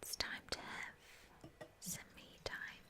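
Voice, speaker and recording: In a soft whisper and a New Zealand accent, a woman gives a gentle, soothing ASMR travel narration, taking her time.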